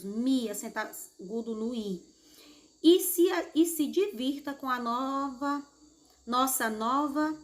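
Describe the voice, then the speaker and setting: A woman's voice: fairly high pitch, a bit bright. A Brazilian woman teacher going through textbook exercises with her pupils in a patient, explanatory way, often checking in with "né?" and "certo?". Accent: Brazilian Portuguese. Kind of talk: recorded class lesson correcting exercises.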